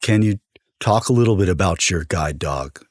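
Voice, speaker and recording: A man's voice: sits low, animated, moderate pace, husky, dry recording, studio quality. A male host asking short, direct interview questions and closing the episode.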